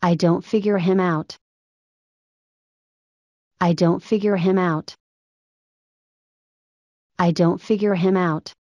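Slow, dry-voiced woman reading drills. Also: lowish voice, steady tone, darkish tone, dry recording, lo-fi sound. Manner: plain, evenly paced model reading. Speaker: English phrase reader. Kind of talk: slow repeated phrase drills.

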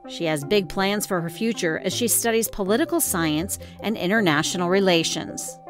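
A woman reporter giving scripted news narration in a measured, clear way. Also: mid-range voice, lively intonation, over music.

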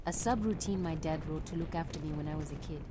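An actress playing a spirited, sarcastic young woman in a video game drama, sardonic and expressive. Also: low-pitched, fast, noisy background, natural voice. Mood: earnest. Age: young adult.

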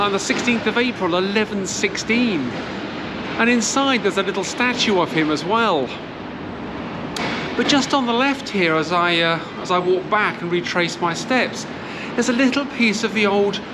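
A woman vlogging outdoors in a city churchyard, giving a casual history walking tour with many fillers and restarts, filmed on a handheld camera at arm's length. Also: medium pitch. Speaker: travel vlogger. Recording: loud city background noise.

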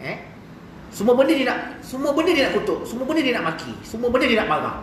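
A man's voice: very high voice, big pitch swings, fast, slight background noise. Man with a Malaysian Malay accent preaching in an echoey mosque. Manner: chatty, rhetorical, keeps asking "eh?" and "kan?". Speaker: religious lecturer. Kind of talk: mosque hadith lecture. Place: mosque hall. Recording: echoey mosque hall, mic far off.

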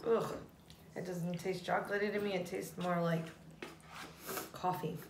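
A woman's voice: fairly low pitch, level tone, a little slow. Blunt woman in an echoey room. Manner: short, blunt verdicts. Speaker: vlog co-host. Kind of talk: casual taste-test chat. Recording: echoey room with faint noise.

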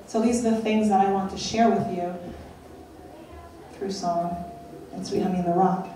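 A young woman delivers a keynote as a public lecture on a dark indoor festival stage, earnest and questioning, driving her points home with rising emphasis. Her voice is warm and medium-pitched, with fairly even intonation at a normal pace. A handheld mic on a stand and a distant camera capture a roomy hall with an audience and a little hiss or hum.

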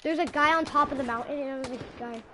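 A young woman chatting casually while playing an online shooter with a friend, excitable and prone to sudden alarmed bursts. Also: high-pitched, quick pace. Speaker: gamer. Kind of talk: casual gaming chat. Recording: noisy home recording.

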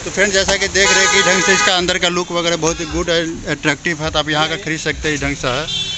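A man's voice: fairly high pitch, little pitch movement, quick pace. A man hosting a casual vlog, chatty and repetitive as he talks straight to viewers while walking an outdoor car market on a handheld phone camera. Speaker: vlogger host. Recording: street traffic noise.

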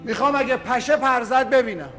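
An actor playing a bossy company owner in a TV series, who argues and shouts angrily. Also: male voice, very high-pitched, long reverb tail, faint music behind. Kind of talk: TV series acting.

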